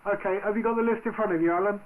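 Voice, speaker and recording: Over a noisy shortwave link full of steady static, a man running an amateur radio net races through radio procedure in an informal, hesitant way. His voice sits high and the sound is phone quality.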